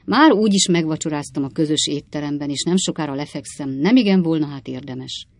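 A woman voicing a genial older gentleman who speaks courteously and formally, in an audiobook reading. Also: deep voice, no echo.

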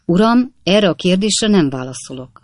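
A man voicing a dignified, courteous old gentleman in an audiobook, formal and firm. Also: sits high, animated, no room sound, clean studio sound. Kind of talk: audiobook character voice.

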